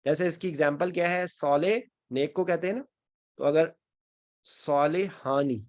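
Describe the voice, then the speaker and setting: A man's voice: on the high side, fairly even intonation, a little mellow, dry recording. A male teacher giving an online grammar class, explaining step by step and checking in with his students as he goes. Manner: mixes English phrases into Urdu. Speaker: Quran and Arabic grammar teacher.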